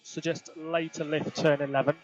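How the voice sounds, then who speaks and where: Talking to his driver over a muffled team radio channel, this race engineer keeps his instructions short and to the point. He speaks at a moderate pace in a fairly high, steady voice that barely changes pitch, and the radio transmission carries slight background noise.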